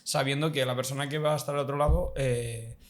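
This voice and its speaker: Male host, casual chatty interviewer, mid pitch, lots of laughs and restarts. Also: quick pace. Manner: chatty, animated, laughs often, restarts sentences. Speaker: podcast host.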